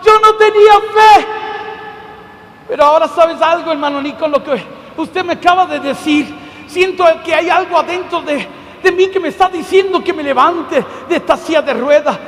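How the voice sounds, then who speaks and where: A male preacher voicing a tearful, stubborn woman in a wheelchair, speaking slowly and pleadingly. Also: very high-pitched, fairly bright tone, long reverb tail, a little hiss or hum. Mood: tearful, hopeful.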